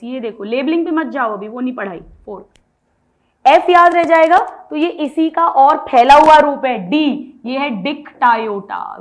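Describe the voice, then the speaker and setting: A high-pitched woman teaching biology in an unhurried, deliberate way. She drills memory tricks and has her students say the names back to her, switching freely between Hindi and English terms. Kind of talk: online exam-prep lecture.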